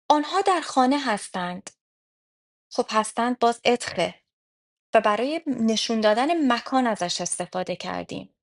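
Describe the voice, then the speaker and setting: A woman teaching a French grammar lesson, repeating example phrases slowly and carefully. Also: mid-range voice. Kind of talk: explanatory language lesson.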